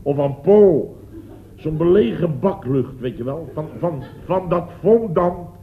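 An actor playing a blustering, boisterous middle-aged boss of a building firm in a 1960s radio comedy. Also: male voice, fairly high pitch, lively intonation, slow. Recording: dull old radio recording with faint hiss.

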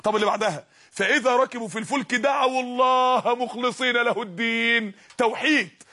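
A man's voice: extremely high pitch, brisk, bright, forceful tone. A man with an Egyptian Arabic accent giving an impassioned Islamic sermon, repeatedly exhorting his listeners. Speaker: preacher.

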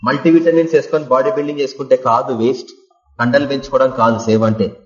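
A man's voice: medium pitch, steady tone, quick pace. A man preaching a sermon in a prayer hall, emphatic and full of rhetorical questions, his voice rising and falling in force. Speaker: pastor. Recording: echoey hall, dull lo-fi recording.

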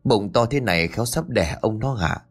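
A man's voice: lowish voice, lively intonation, moderate pace, breathy edge. A man doing a fearful old village wife. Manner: anxious, trembling.

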